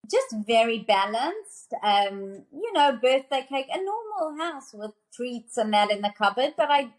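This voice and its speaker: A low-quality recording captures a South African woman in her thirties, a nutrition author, on a podcast. Her voice is a little high, and her casual, enthusiastic conversation is peppered with fillers and restarts.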